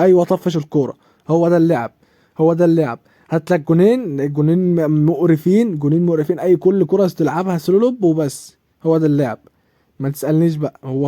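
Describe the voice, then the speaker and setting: A man's voice: on the high side, dark tone, dry recording, studio quality. A young man with an Egyptian Arabic accent commenting on his own football game, exasperated and repeating himself as he reacts to each play. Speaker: gaming YouTuber. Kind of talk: live gameplay commentary.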